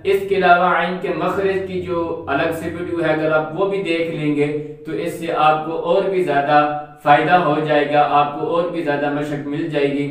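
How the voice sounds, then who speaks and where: A man's voice: fairly high pitch, recorded from a distance. A man teaching Quran recitation, patiently explaining and drawing out letter sounds to demonstrate them. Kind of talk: explanatory lesson. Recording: echoey room, voice off-mic.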